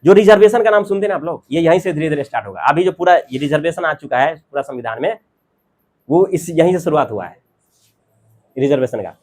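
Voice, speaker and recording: A man teaching a class, reading English passages slowly and explaining them in Hindi with everyday examples, with an Indian English accent. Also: fairly high pitch, animated, a little mellow.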